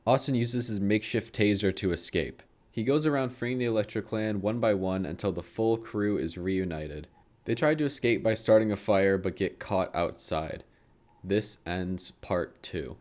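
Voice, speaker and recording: A man's voice: lowish voice, moderate pace, a little mellow. A young man narrating a comedic book summary in a sarcastic tone, swearing freely and laughing at his own lines.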